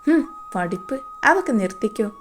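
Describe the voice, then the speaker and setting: A woman's voice: medium pitch, big pitch swings, normal speed, soft background music, natural voice. A woman voicing a greedy, scheming middle-aged stepmother who talks in a harsh, bossy and scornful way.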